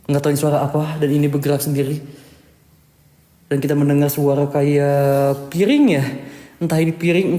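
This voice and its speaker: A man's voice: fairly high pitch, mellow. Nervous man in an echoey house. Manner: nervous, muttering prayers and calling out. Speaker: ghost-hunting vlogger. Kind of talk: paranormal exploration vlog to camera. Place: indoors in an abandoned house. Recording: echoey, reverberant empty house.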